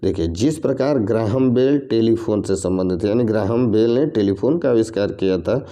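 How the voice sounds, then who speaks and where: Male exam-prep tutor, low and very mellow, patient and repetitive, walking through each question. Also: fairly quick. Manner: explains step by step, repeats each question and its options. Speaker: exam coaching teacher. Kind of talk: reasoning lesson for competitive exams.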